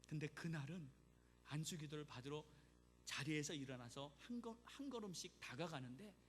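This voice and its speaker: A man preaching a sermon as pastor, telling a story with animated emphasis in a church sanctuary. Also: fairly high pitch, normal speed. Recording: church hall reverb, faint noise.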